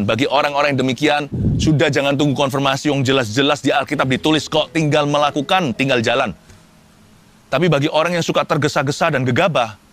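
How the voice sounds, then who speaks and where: A man preaching a sermon, lively, with sudden rises in pitch and humorous asides. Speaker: pastor.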